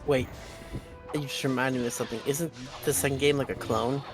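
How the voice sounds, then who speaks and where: A man giving casual game commentary, thinking aloud in a halting way. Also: medium pitch, fairly even intonation. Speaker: let's play commentator. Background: game music and effects.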